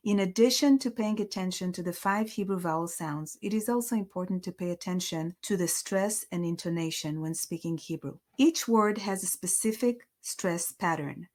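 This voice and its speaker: A woman who is a Hebrew teacher, giving a language lesson in a slow, clear teaching voice and stressing example words. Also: fairly low pitch, a little mellow.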